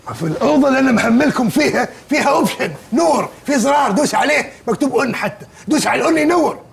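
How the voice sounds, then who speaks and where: A high, gravelly Upper Egyptian village boss who jeers and scolds at top speed. His voice leaps all over in sitcom bluster, with faint music under it. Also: expressive, racing, a little hiss or hum, full character voice. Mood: mocking. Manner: scolding, sarcastic, insulting. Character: bossy loud male village head, mocking. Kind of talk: sitcom acting.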